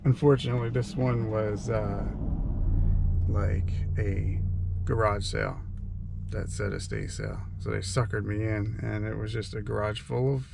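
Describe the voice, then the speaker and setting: A man's voice: fairly low pitch, fairly even intonation, moderate pace, vocal fry, background noise. A man giving casual, wry vlog commentary in an informal, chatty way as he browses. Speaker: vlogger at estate sales. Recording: loud crowd chatter behind.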